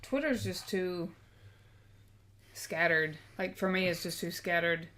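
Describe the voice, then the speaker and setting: A woman's voice: lowish voice, slow pace, a bit bright. A woman in her thirties chatting casually as co-host of a reaction show. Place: small room indoors. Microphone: desk microphone.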